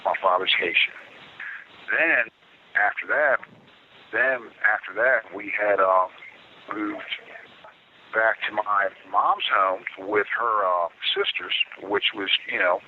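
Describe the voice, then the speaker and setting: Stuttering man on a tinny prison phone. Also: lowish voice. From Baltimore, Maryland. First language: French. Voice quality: pronounced stutter. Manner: halting, repeats words and fills pauses. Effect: on a prison phone line. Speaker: prison inmate. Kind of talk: phone interview. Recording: tinny prison phone line, faint hiss.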